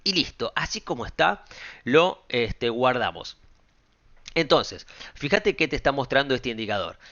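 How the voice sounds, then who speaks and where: A man with a Rioplatense Spanish accent walking viewers through a trading software tutorial in a casual, direct way, often checking in with the listener. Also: medium pitch, lively intonation, unhurried. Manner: casual, direct, frequent check-ins and fillers. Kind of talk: screen-share software tutorial. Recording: dull lo-fi sound.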